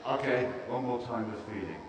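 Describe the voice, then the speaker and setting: A man's voice: medium pitch, normal speed, very noisy. Welsh man telling a story in an echoey hall. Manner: dramatic, drops to hushed tones for suspense; switches between Welsh and English. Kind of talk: live oral storytelling to an audience. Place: large performance hall with audience. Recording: echoey hall, distant mic, audience.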